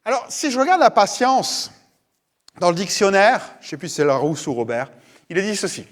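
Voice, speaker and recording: A high-pitched man gives a sermon at a church service. He keeps it conversational, speaking straight to the congregation and circling back over his words. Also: big pitch swings, normal speed. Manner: conversational, addresses listeners directly, often repeats words. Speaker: pastor.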